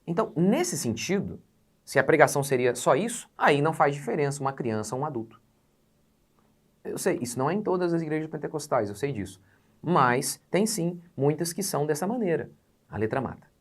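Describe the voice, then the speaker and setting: A man's voice: a little high, animated, brisk. A Brazilian man in his forties, a pastor teaching in a sermon, emphatic, posing rhetorical questions and swelling on key words. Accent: Brazilian Portuguese. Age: 40s.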